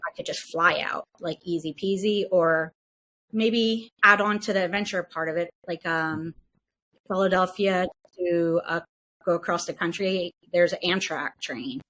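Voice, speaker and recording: This podcast guest recounts a trip in a loose, rambling manner, her casual storytelling peppered with fillers and restarts. She has a lowish, fairly bright voice and a slightly slow pace, captured on a low-quality recording.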